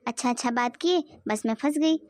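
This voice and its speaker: A woman's voice: a little high, brisk, a little mellow, natural voice. A woman voicing a young village wife in a cartoon, insistent and complaining. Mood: pleading. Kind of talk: cartoon voice acting.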